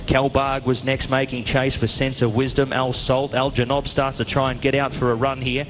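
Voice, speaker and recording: A man's voice: medium pitch, flat delivery, moderate pace, slight background noise. A man calling a horse race live as a race caller, in short running phrases. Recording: music playing behind the voice. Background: music.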